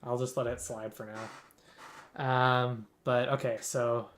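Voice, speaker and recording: A man running a tabletop role-playing game as game master, talking slowly with many pauses and fillers. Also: medium pitch, flat delivery, a bit bright, a little hiss or hum. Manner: slow, halting, many fillers.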